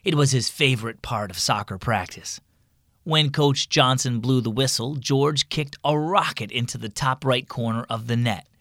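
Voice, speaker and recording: A man hosting a children's devotional program, reading scripted stories in an animated storyteller manner. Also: mid-range voice, normal speed, dry recording, clean studio sound. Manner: animated storyteller voicing characters. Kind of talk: scripted storybook narration for kids.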